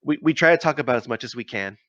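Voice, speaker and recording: A man's voice: medium pitch, animated, very fast, fairly bright tone, dry recording, dull audio. A man co-hosting a gaming podcast in casual chat, rambling with many fillers and laughs. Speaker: podcast co-host.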